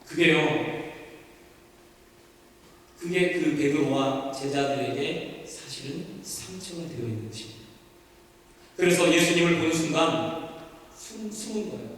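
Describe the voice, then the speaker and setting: Male pastor, anecdotal sermon, slightly high voice, distant mic, very echoey church hall. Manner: anecdotal, repeats words and trails off. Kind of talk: storytelling sermon. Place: church sanctuary.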